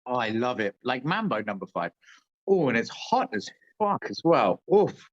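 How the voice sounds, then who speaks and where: A rowdy British man hosts a casual chat, joking crudely, his pitch swooping up and down. The sound is dull and lo-fi. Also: sing-song, moderate pace. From Britain. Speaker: show host.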